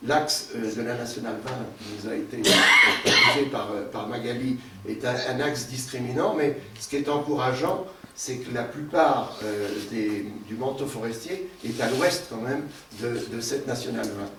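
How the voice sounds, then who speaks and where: A man moderating a round table, summing up a speaker's points in a halting way with many fillers and repeated words. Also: medium pitch, sharp tone. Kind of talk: summarizing a panel discussion. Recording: roomy hall, distant mic, some noise.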